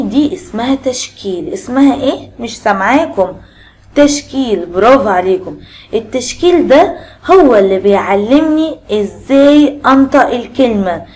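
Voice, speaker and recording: An Egyptian woman teacher leads a children's reading lesson. She patiently asks the class questions and repeats each letter sound slowly. Her voice sits a little higher than most. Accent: Egyptian Arabic. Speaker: primary school teacher.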